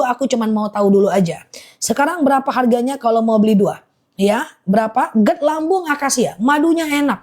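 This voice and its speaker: A woman selling honey in a live stream, chatting in a reassuring, repetitive way and slowing down to list items one by one. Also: a little high, darkish tone. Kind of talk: live-selling sales pitch.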